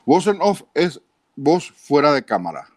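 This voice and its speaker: A man in his fifties with a Paraguayan Spanish accent, a trained broadcaster telling his career story as an interview guest, with clear diction and a measured way of talking. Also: a little high, big pitch swings, darkish tone, no echo. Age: 50s. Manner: measured, tags lines with a questioning aside.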